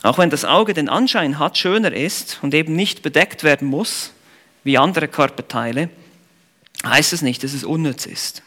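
A man's voice: on the high side, moderate pace, sharp tone. A man preaching an expository sermon, earnest and emphatic, putting rhetorical questions to the congregation and explaining the meaning of Greek words.

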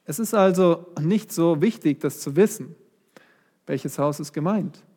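A man's voice: fairly high pitch, unhurried, mellow. A man preaching a sermon and reading a psalm aloud, speaking straight to his congregation and lifting his voice on key words. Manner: addresses the congregation directly, rising voice on key words.

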